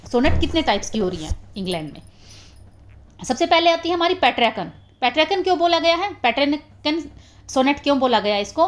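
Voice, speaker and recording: A woman teaching an exam-prep literature lesson. She explains step by step, keeps checking in with her students and drops into slow, careful English phrases. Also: high voice.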